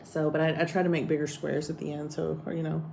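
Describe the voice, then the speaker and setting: A woman's voice: low voice, little pitch movement, fast talker, vocal fry, darkish tone, a little hiss or hum. A woman vlogging in casual chat, rambling and teasing as she talks about her day. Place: hotel room abroad.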